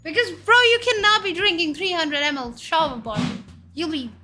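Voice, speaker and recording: Reading her viewers' messages in a casual chat, this Indian VTuber in her thirties speaks with an Indian accent in a very high-pitched voice at a moderate pace. She fires off questions and loud exclamations while faint music plays beneath her.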